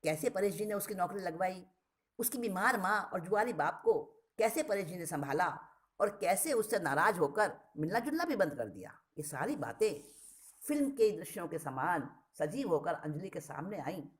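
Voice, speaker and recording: A woman reading a short story aloud, expressive and often restating a word with a plainer synonym. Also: lowish voice, moderate pace.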